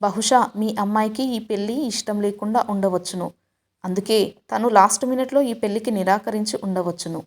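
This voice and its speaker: A woman voicing a stern elderly grandmother in a storybook, speaking with measured reproach. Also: mid-range voice, natural voice. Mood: persuasive.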